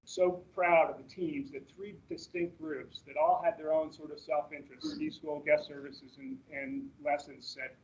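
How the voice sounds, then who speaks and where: A man's voice: on the high side, fairly even intonation, normal speed, hardly any pauses. A man presenting slides at a staff orientation on a video call, talking casually and rambling with fillers and restarts. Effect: heard through a video-call meeting recording. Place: meeting room with people present. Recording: dull lo-fi meeting-call audio.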